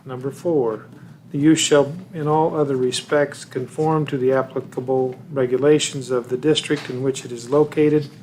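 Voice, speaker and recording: A man on a city council, deliberately reading out a formal motion full of legal wording. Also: mid-range voice, fairly even intonation, a little mellow, slight background noise.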